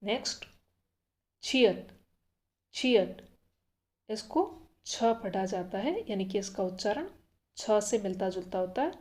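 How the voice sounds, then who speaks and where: A woman's voice: medium pitch, lively intonation, moderate pace, darkish tone. A woman teaching a language lesson, repeating each letter sound patiently and explaining step by step. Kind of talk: slow, careful language lesson.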